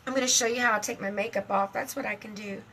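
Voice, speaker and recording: Bright-voiced chatty woman streaming live. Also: medium pitch, steady tone, fast, slight background noise. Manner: emotional, chatty, laughs often, faith-filled. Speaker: live video host. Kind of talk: casual live stream chat.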